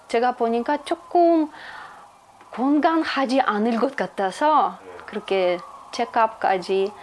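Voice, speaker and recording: A woman from Russia whose first language is Russian, speaking non-native Korean with a Russian accent. She answers interview questions as a homemaker, halting and searching for her words. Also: mid-range voice, a little mellow.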